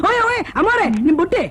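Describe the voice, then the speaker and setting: An actor playing a cheeky, teasing taxi driver with a loud, giggly manner, in a film comedy. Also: male voice, very high voice, wildly swooping pitch, normal speed, a little hiss or hum, full character voice. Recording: film soundtrack with music.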